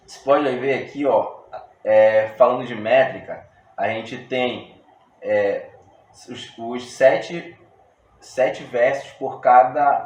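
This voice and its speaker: A man with a Brazilian Portuguese accent teaching a poetry workshop lesson in a relaxed, slangy way, explaining step by step with frequent restarts. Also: mid-range voice. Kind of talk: casual video lesson. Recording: roomy echo with faint room noise.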